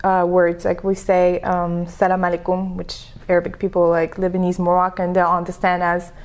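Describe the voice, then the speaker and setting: A woman's voice: lowish voice, completely flat delivery, normal speed. A woman from Senegal, a native French speaker, chatting as a podcast guest and coach, telling stories and laughing easily. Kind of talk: casual interview chat.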